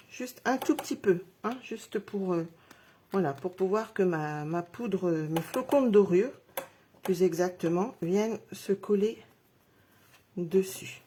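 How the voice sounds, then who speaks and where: A woman's voice: medium pitch, dark tone, a little hiss or hum. A middle-aged woman giving a live craft demonstration, chatting through each step and talking straight to her viewers. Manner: chatty, narrates each step while working; addresses viewers directly, self-encouraging.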